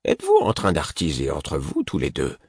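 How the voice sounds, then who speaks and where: A man's voice: mid-range voice, very animated, unhurried, a bit bright, husky, no echo, studio quality, pitched above the performer's own voice, full character voice. A man reading the lines of a tense, irritated male companion in an audiobook.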